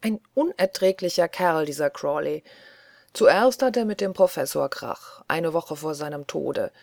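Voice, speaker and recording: A woman's voice: low voice, animated, unhurried, gravelly, a little mellow, no echo, clean studio sound, exaggerated voice. A woman voicing a brash young male agent in an audiobook, exclaiming and indignant. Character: cheeky young male agent, irritable, outspoken.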